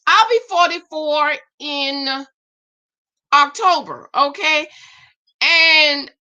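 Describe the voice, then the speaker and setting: A woman's voice: high-pitched, animated, extremely slow, sharp tone. A woman in her forties giving casual livestream commentary, reading viewer comments aloud and reacting in a sassy, chatty way. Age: 40s. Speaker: show reviewer reading live comments.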